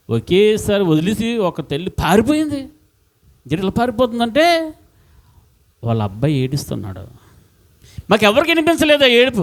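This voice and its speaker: A man preaching a sermon as pastor, impassioned and repetitive, swinging between loud outbursts and hushed words. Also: mid-range voice.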